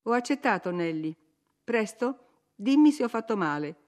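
A woman's voice: on the high side, animated, moderate pace, a little mellow, pitched above the performer's own voice, close to an everyday voice. A woman voicing an impetuous, willful young woman who speaks in an emphatic, insistent way. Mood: anxious pleading.

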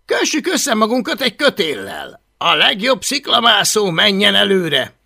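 A man reading an audiobook and voicing a bossy, loud teenage Viking boy who bullies the others and shouts his orders. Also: high voice, sing-song, gravelly, voice pushed up, exaggerated voice. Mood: bossy shouting. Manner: shouting, domineering.

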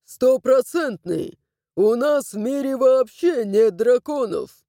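An indignant, proud ghost duke who insists loudly and slowly on his dignity, as a woman narrator puts him on. His voice sits a little higher and louder than her own, mellow in tone, recorded dry and close. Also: expressive, no room sound, natural voice. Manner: indignant, loud, emphatic. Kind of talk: audiobook character voicing.

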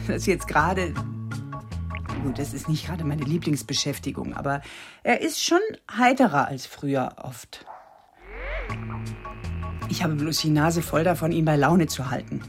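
A wry, fed-up wife. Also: female voice, low-pitched, big pitch swings, unhurried, pauses often, music in the background, exaggerated voice. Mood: wry venting. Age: middle-aged. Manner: wry, venting. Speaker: wife, frame shop owner. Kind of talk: radio play acting.

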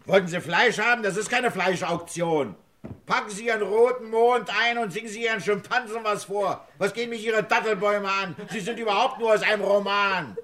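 Pompous scornful businessman dad, slightly high voice, cutting, old radio play. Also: a little fast, a bit bright, a little hiss or hum. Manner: scornful, cutting, orders people about. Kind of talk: 1960s German radio stage drama.

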